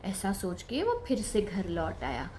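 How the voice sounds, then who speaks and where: A woman narrating a puppet story for children, telling it slowly and simply with expression. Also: mid-range voice, huge pitch swings, dark tone, a little hiss or hum.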